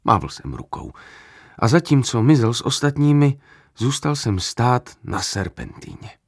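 A man narrating a literary story in the first person, in a measured, dramatic way. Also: mid-range voice, sing-song, slightly rough, dry recording, studio quality.

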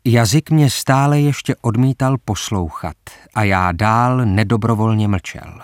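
A man narrating a story aloud in measured, even first-person storytelling. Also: lowish voice, dry recording, studio quality. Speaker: audiobook narrator.

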